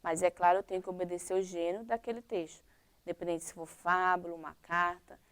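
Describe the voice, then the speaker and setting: Lower-voiced woman teaching a lesson. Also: fairly even intonation, quick pace, smooth. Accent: Brazilian Portuguese. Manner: explanatory, checks in with tags like "tá?" and "ok?". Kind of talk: recorded primary-school lesson.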